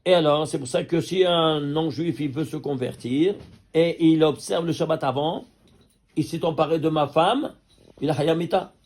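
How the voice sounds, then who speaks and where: Gravelly rabbi quizzing his students. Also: on the high side. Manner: lively teacher quizzing listeners with quick questions. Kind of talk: Torah class on number mysticism.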